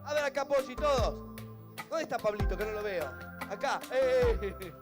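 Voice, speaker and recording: A man's voice: very high-pitched, expressive, normal speed, over music. A man with an Argentine Spanish accent, a children's entertainer chatting playfully with a crowd at an outdoor event. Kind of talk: live stage banter with a crowd.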